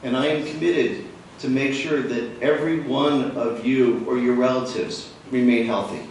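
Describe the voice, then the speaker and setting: A man giving a formal medical lecture in measured short phrases, pausing as if for an interpreter. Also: medium pitch, fairly even intonation. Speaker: visiting physician lecturer. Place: large echoing room at a talk. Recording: very echoey room, distant mic, faint noise.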